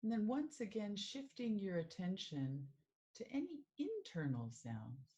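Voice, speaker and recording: A woman working as a mindful living coach, leading a guided meditation in a calm, soothing way. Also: medium pitch. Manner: slow, calm, soothing guidance.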